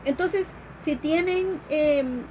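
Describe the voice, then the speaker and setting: Slow-speaking high-voiced woman educator. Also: darkish tone, a little hiss or hum, rough recording. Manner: explanatory, with fillers and restarts, acts out quoted questions. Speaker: educator giving a talk. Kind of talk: live-streamed informal lecture.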